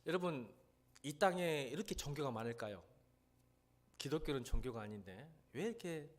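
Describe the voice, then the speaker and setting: A middle-aged man preaching with a Jeolla Korean accent. His voice leaps up and down in pitch as he moves from near-whispered pleading to loud, emphatic questions thrown at the congregation. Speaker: pastor. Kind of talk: sermon.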